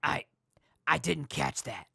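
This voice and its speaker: A woman's voice: low voice, takes it slowly, vocal fry, noisy background, heavily acted. A woman playing a wary, by-the-book but casual jail guard in an audio drama. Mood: suspicious.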